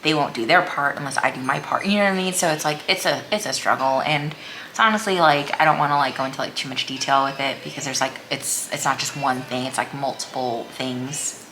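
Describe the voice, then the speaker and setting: Her voice extremely low and a little fast, a woman vlogger talks casually while eating indoors in a small room at home. She rambles hesitantly and uses "like" a lot, and background noise is audible.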